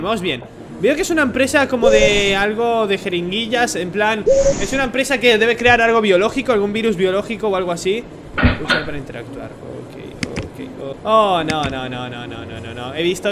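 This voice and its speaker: A young man from Spain with a Spanish accent, commentating a horror game, jumpy, swearing and shouting when startled. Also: high voice. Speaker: gaming YouTuber. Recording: game music behind voice.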